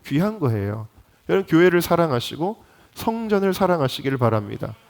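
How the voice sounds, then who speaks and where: A man's voice: fairly high pitch, very animated, brisk, vocal fry, darkish tone. A male pastor delivering a dawn sermon in a church sanctuary. He speaks with passion, asks the congregation rhetorical questions and builds to emphatic peaks. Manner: impassioned, rising to emphatic peaks.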